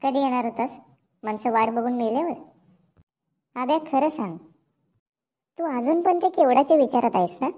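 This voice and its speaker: A woman voicing a sharp-tongued teenage village girl in a cartoon, blunt and teasing. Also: sits high, normal speed, pauses often. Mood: needling. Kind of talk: cartoon dialogue.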